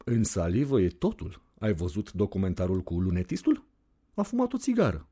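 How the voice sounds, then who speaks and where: A man voicing a cool, blunt teenage high school girl in an audiobook reading, speaking in a dry, matter-of-fact, teasing way. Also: huge pitch swings, mellow, full character voice.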